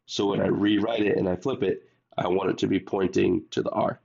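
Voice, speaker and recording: A man's voice: sits low, steady tone, a little fast, vocal fry, a little mellow, highs cut off. A man teaching a recorded math lesson while under the weather, explaining step by step and speaking directly to his students.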